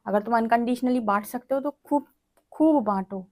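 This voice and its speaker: A woman's voice: fairly high pitch, steady tone, brisk. A woman giving a tarot reading in a direct, lecturing way, often checking in with the listener. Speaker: tarot reader.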